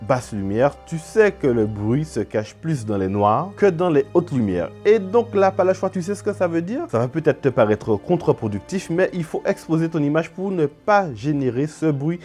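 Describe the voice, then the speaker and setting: A man's voice: fairly high pitch, big pitch swings, normal speed, hardly any pauses, darkish tone, soft background music. A man giving a casual camera tutorial, chatty and informal, talking straight to the viewer. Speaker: video creator teaching camera settings.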